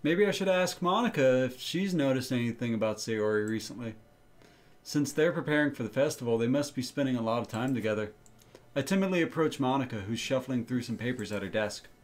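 A man's voice: medium pitch, lively intonation, brisk. A man hosting a let's play, reading a visual novel's text aloud with nervous asides.

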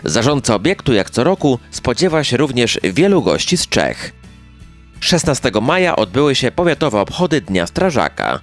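A man reading scripted local news narration as a newsreel announcer. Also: mid-range voice. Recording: music bed under voice. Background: background music.

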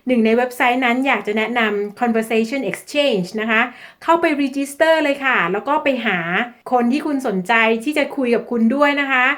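A woman's voice: high-pitched, a bit bright. A Thai-speaking woman teaching English-learning tips in a lesson, switching into carefully spoken English example sentences. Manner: slow, careful delivery with deliberate English examples.

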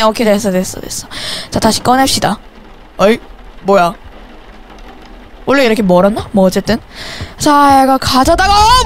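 A young woman casually commenting while she plays a game, chatty and given to loud startled exclamations and playful scolding. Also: high-pitched, a little hiss or hum. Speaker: game streamer.

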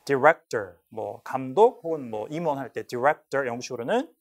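Man, English instructor, lecture, lively intonation, repeats words to model them, Korean accent. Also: medium pitch, moderate pace, vocal fry. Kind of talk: lecture explaining listening questions.

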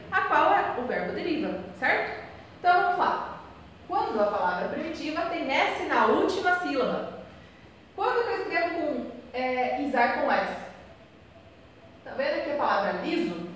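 A woman's voice: high voice, fairly bright tone. A woman teacher giving a recorded class. She asks herself questions on the students' behalf, answers them, and spells out and repeats the key points. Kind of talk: recorded remote class lesson. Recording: echoey hall, voice far from mic, faint noise.

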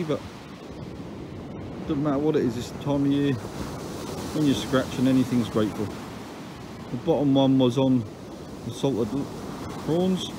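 Holding his own phone, an English angler fishes from an open seaside beach and offers a casual, down-to-earth running commentary with dry little grumbles. His voice is on the high side and matter-of-fact, with wave noise, surf, and wind in the outdoor phone recording.

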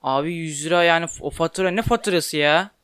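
A young man giving casual commentary while playing a game, chatty and quick to get frustrated and swear at it. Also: a little high, a bit bright, smooth, no echo. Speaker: gaming YouTuber. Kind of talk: casual Let's Play commentary.

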